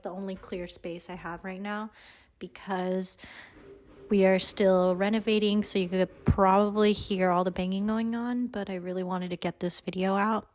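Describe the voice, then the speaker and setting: A young woman with a sore throat and slightly grainy voice, chatting casually and a bit hesitantly into a handheld phone in a rambling, informal way. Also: mid-range voice. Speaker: vlogger and yarn dyer. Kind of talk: casual chat to camera. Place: indoors in a house under renovation.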